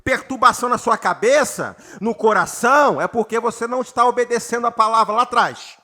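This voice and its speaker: A man from Brazil, a pastor preaching a sermon, reading scripture slowly and often calling out to the congregation with rising emphasis. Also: very high voice, pushed and bright. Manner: reads scripture slowly and has the congregation repeat words. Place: church retreat gathering.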